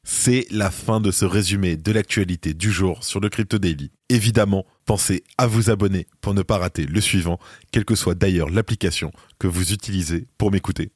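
A man's voice: low-pitched, darkish tone, no room sound. A man with a French accent hosting a podcast in casual, informal talk, with a self-mocking streak. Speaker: podcast host.

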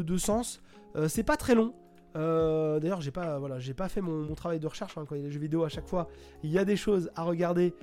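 A man's voice: sits high, a little mellow. A man reviewing a video game in casual talk from home, hesitant and full of fillers and restarts. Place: home, at a computer.

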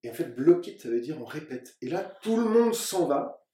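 A man from France, an actor, telling lively anecdotes in casual conversation and acting out other people's lines. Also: on the high side, moderate pace. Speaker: actor and guest. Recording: roomy sound from a distant mic.

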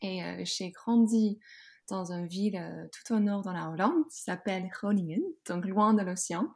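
A woman from the Netherlands speaks French with a Dutch accent as a podcast guest, recounting a personal story in an interview. Her medium-pitched voice is creaky and moves at a moderate pace. She is hesitant, with many fillers and restarts.

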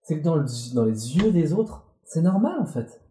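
A very dark, mellow man's voice in an echoey room. He talks candidly and bluntly as an interview guest in his forties, swearing freely. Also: fairly high pitch, big pitch swings, moderate pace. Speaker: guest, former Olympic athlete. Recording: roomy echo.

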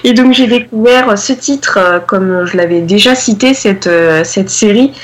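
A woman's voice: medium pitch, unhurried. A woman presenting a song on a radio show, hesitant with many filler sounds and modest. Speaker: radio columnist. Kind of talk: casual radio chat. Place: radio studio.

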